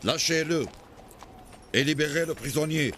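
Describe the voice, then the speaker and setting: A calm authoritative judge. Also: male voice, a little high, unhurried, a little hiss or hum. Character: authoritative judge settling the ransom. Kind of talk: French dub of a historical series.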